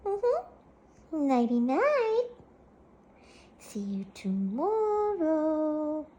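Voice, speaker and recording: Very high, slow, cooing woman. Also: big pitch swings, highs cut off. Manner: soft, doting, sing-song. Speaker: pet owner. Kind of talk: cooing baby talk to a pet at bedtime.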